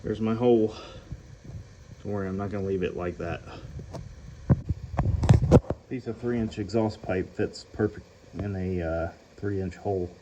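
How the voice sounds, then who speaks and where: Low-voiced man explaining van repairs. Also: steady tone, a little slow, long pauses, dull audio, background noise. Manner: plain, practical, explaining step by step. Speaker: DIY van builder. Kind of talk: casual how-to narration.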